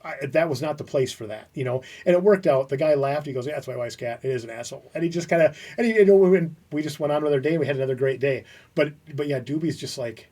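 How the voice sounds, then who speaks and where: A man co-hosting a podcast, telling lively stories in a casual chat. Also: fairly high pitch, fast talker, far from the mic. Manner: animated storyteller who acts out quotes.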